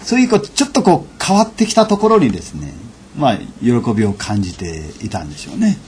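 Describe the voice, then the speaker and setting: Lively-pitched man telling a lesson story. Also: slightly rough. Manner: measured, unhurried delivery with frequent fillers. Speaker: lecturer. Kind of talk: storytelling lecture.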